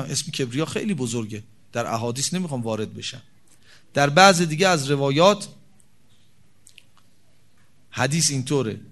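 A man preaching a sermon, reciting Arabic sayings slowly and explaining them in a conversational tone, swinging between loud emphatic peaks and soft low asides. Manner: quotes Arabic hadith slowly, then explains in colloquial Persian. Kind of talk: religious sermon.

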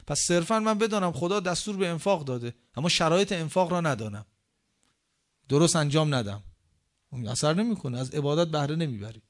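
A man delivers a sermon in a voice pitched a little higher than most. He questions his listeners rhetorically and recites scripture slowly and deliberately. His emphasis rises and falls sharply, loud on key words and dropping to near quiet at the ends of points. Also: expressive. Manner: emphatic swings in pitch and loudness. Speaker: preacher.

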